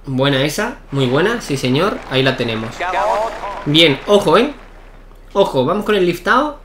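A young man giving excitable live commentary while playing a tennis video game, shouting at key points. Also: a little high, normal speed, noisy background. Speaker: gaming YouTuber.

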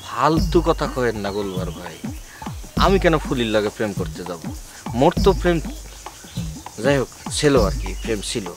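A man's voice: medium pitch, very animated, normal speed, long pauses, music in the background, natural voice. An actor playing a gossipy, boastful village young man in a comedy TV drama.

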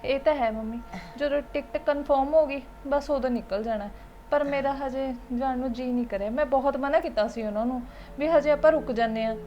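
Lady acting sweet young punjabi bahu, high soft voice, kinda muffled. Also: brisk, slight background noise, lightly acted. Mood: affectionate. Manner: soft, affectionate. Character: young daughter-in-law, affectionate and sweet. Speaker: daughter-in-law. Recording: dull, muffled sound.

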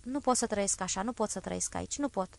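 A woman's voice: medium pitch, gravelly, dry recording, close to an everyday voice. A woman voicing a young wife who talks with urgent, determined resolve. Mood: resolute.

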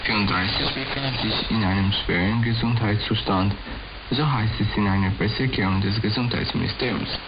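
A man reading a formal news bulletin in a steady manner, heard as a shortwave AM radio broadcast. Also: on the low side, normal speed. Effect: heard over shortwave AM radio. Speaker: newsreader. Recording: hissy, muffled shortwave radio reception.

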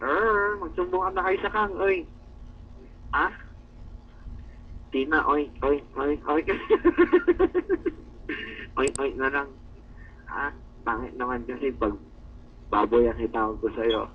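Taunting man, slow and far from the mic. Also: on the high side, slight background noise. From Philippines. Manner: taunting, repeatedly growls "arr" in mockery; laughs often. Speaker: prankster teasing coworkers. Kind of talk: mocking banter. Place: indoor room. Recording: distant, dull lo-fi recording.

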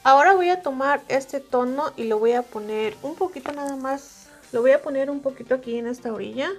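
A woman with a Mexican Spanish accent giving a calm, step-by-step makeup tutorial as she reviews an eyeshadow palette. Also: high-pitched, fairly quick, soft background music.

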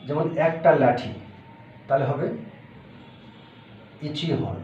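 Taking it slowly, a man with a slightly high, animated voice teaches a language lesson, patiently repeating each word and explaining step by step. The recording is roomy and distant, with dull lo-fi audio and faint hiss.

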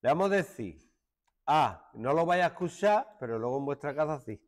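A middle-aged man from Málaga with an Andalusian accent, teaching a joking classroom lesson and hushing his students. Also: fairly high pitch, lively intonation, moderate pace. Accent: Andalusian Spanish. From Málaga, Spain. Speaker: secondary school teacher.

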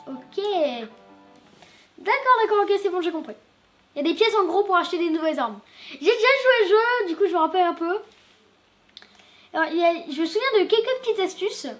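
Woman streamer, bright high register, easygoing chatter over a game with soft music underneath. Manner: chatty, loose with fillers and restarts. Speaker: gaming YouTuber. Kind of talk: casual let's-play commentary.

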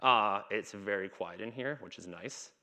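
A man in his thirties, with a lowish voice that sounds pushed and bright, speaks at a measured pace during a conference talk. He's on a dark stage in a conference hall, chatting casually, with stutters, repeats and blocks.

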